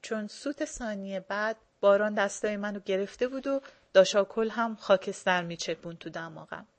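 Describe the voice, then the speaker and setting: Woman reading a casual story. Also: mid-range voice. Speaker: reader. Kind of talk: reading a first-person short story aloud.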